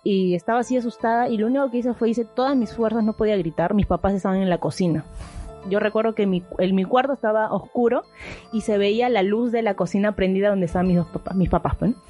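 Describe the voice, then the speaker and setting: A woman's voice: mid-range voice, quick pace, mellow, dull audio, soft background music. A young woman telling a personal story in a casual chat, rambling with many fillers and restarts.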